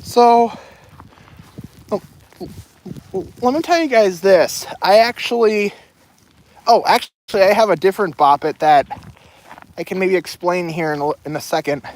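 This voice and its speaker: A young woman livestreams while walking outdoors with a loaded backpack, chatting casually to her viewers and rambling from topic to topic. Her mid-range voice is a little mellow, and she speaks at a measured pace with long pauses.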